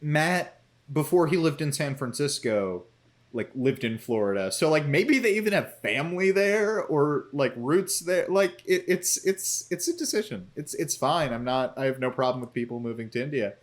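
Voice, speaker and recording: A young man co-hosting a casual podcast chat, talking animatedly with quick asides and playful quoted voices. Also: a little high, expressive. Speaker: podcast co-host.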